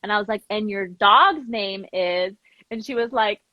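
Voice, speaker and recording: A woman of medium pitch, talking at a moderate pace, appears as a guest on a casual live interview, animatedly telling stories and acting out snippets of dialogue. She founded a language program. Her audio is lo-fi and has no echo.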